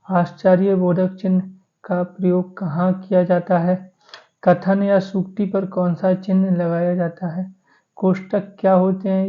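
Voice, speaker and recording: A man teaching a Hindi grammar lesson for exam preparation, going through points by number. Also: sits high. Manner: steady, listing points by number. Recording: tinny phone-like audio.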